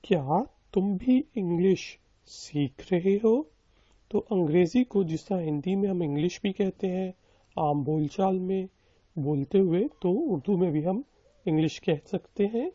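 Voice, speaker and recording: Man, language teacher, slow repetitive drilling, explains word meanings, very dark mellow voice, dull lo-fi recording. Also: high voice, dry recording. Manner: repeats each sentence several times, breaking it into words.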